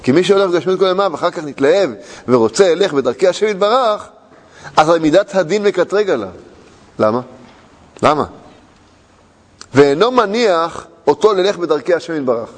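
A man's voice: sits high, expressive, long pauses, in a large hall. A man teaching a religious lesson as a rabbi, firing rhetorical questions and using playful repetition and wordplay.

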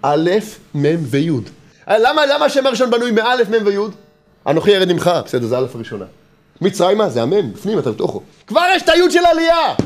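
A man teaches Torah in a very high voice, insistent and repetitive, firing off rhetorical questions. His delivery is lively and laced with humor.

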